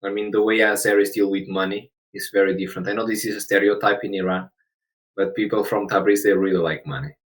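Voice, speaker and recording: A man from Portugal, a podcast guest, telling travel stories in a casual, animated way and laughing often. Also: fairly low pitch, fast. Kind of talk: casual storytelling conversation.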